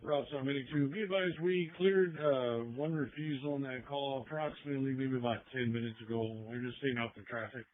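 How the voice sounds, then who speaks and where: A man on a police radio channel giving a brisk procedural report, with a few hesitations. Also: medium pitch, steady tone, no room sound. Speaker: radio dispatch caller. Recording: tinny dry radio channel.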